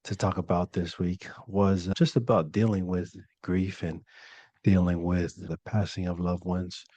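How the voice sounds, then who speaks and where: Deep-voiced Polynesian man, casual podcast talk. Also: measured pace, dry recording. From Polynesian, living in California. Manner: relaxed, slangy, earnest. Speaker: podcast co-host.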